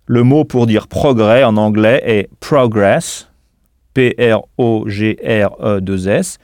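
Man teaching English in a dry, measured voice. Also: fairly low pitch, a little mellow, no room sound. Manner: measured, spells words out letter by letter. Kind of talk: scripted audio lesson.

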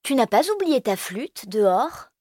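A woman voices an eager, brave little boy, pitching well above her own voice into a fairly high register. Her delivery is very animated, a little slow and a little mellow, recorded dry with clean studio sound.

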